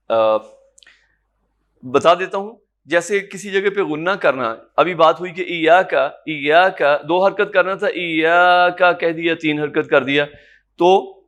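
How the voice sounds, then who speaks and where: A man teaching Quran recitation in a classroom lecture, explaining patiently, checking that students follow and chanting example words slowly. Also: high-pitched, a bit bright. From Pakistan. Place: lecture room in an academy.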